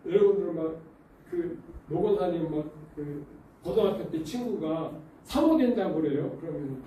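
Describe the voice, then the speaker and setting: A man's voice: fairly high pitch, normal speed, distant mic, a little hiss or hum. A male pastor preaching a sermon in a church, telling stories and throwing questions at the congregation. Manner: animated storytelling with rhetorical questions to the congregation. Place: church sanctuary. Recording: very echoey church hall, voice off-mic.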